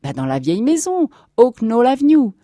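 A woman voicing a cheerful young man in his twenties who teases and calls out brightly. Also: a little high, very animated, moderate pace, dry recording, clean studio sound, voice pushed up.

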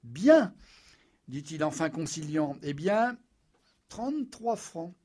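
A man's voice: a little high, sing-song, takes it slowly, a little mellow, full character voice. A man voicing an arrogant young officer who cuts others off and gives short commands. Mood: curt. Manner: curt, commanding, dismissive. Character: arrogant, domineering young male officer bargaining. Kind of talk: audiobook character voice.

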